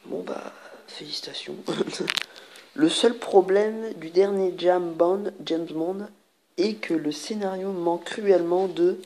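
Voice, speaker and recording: A woman's voice: on the low side, slow, a little mellow, slight background noise. A woman playing an online party card game on her channel, reading the cards aloud, laughing often and cracking crude jokes. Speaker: gamer, video host. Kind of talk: let's play commentary.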